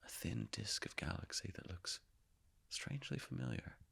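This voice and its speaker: An actor playing the Higgs boson as a calm, all-knowing narrator, telling his story in a measured way and sinking often into hushed whispers. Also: on the low side, gravelly, husky, full character voice. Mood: hushed awe. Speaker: actor performing a stage monologue. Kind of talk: theatrical monologue.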